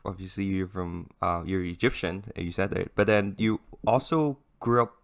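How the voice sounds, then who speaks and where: A man's voice: deep voice, fairly even intonation, moderate pace, gravelly. A man hosting a podcast, asking loose, searching questions in a casual interview. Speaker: podcast host.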